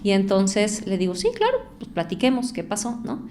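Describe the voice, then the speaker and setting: A woman, an entrepreneur and author, talking as a guest in an interview, reflective and growing more lively when she tells stories. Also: mid-range voice, moderate pace, a little hiss or hum. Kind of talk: conversational interview.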